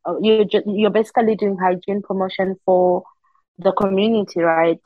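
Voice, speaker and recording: A young woman from Zimbabwe speaks as an interview guest in a middle-pitched voice. She tells her working life with animation, and she acts out the words of others. The sound is dry and slightly muffled. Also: moderate pace, no echo. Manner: animated storytelling with frequent laughs and quoted asides. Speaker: interview guest, humanitarian worker. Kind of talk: casual interview conversation.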